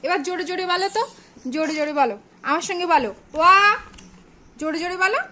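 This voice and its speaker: High, bright woman coaxing a child. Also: fairly quick. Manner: coaxing, repeating prompts, mock scolding. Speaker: parent tutoring a small child. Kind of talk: home reading lesson with a child.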